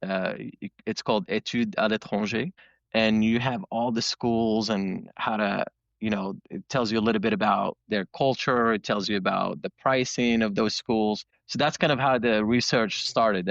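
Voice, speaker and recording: A man from Morocco, a startup founder and interview guest, telling stories in a relaxed way with many fillers. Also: fairly low pitch, gravelly, no echo, highs cut off. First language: Moroccan Arabic or French, not English. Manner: relaxed storytelling, frequent fillers. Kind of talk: conversational interview.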